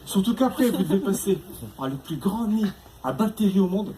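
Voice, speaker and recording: A male stand-up comedian with a notably high voice works the crowd, chatty and teasing, forever tacking tag questions onto his lines. It is recorded live on a stage before an audience, with a noisy room behind him. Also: expressive, normal speed.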